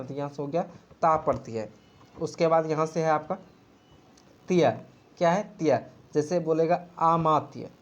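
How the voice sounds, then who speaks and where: A man's voice: a little high, highs cut off. A man teaching an exam-prep grammar lesson, asking a question and answering it himself. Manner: repetitive question-and-answer drilling.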